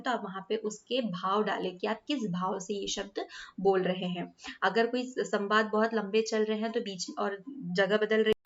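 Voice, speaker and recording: A woman's voice: mid-range voice, dull audio. A woman teacher explaining a school lesson patiently, often asking rhetorical questions and repeating her points.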